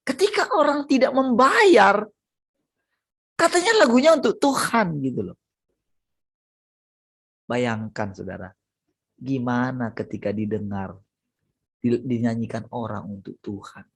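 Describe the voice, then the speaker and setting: A man preaching a sermon on a video call, his husky voice at a middling pitch. He preaches animatedly, jumping up high and loud to stress a point, then sinking into low, soft reflection. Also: very animated, a little slow, long pauses.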